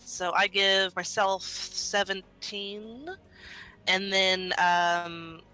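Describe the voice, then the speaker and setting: A woman's voice: mid-range voice, steady tone, very slow, sharp tone, smooth. A woman player talking casually over an online group voice chat, chatty and stumbling over her words. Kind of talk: casual tabletop game play.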